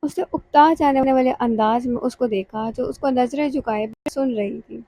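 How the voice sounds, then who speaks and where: Mellow, high-voiced woman narrating a novel. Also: poor audio. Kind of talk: scripted audiobook narration.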